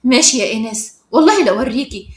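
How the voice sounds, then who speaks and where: A woman's voice: sits high, lively intonation, fast talker, pushed and bright, reverberant. A woman with an Egyptian accent voicing a firm, principled teenage schoolgirl who answers in a curt, indignant way. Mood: defiant. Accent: Egyptian Arabic.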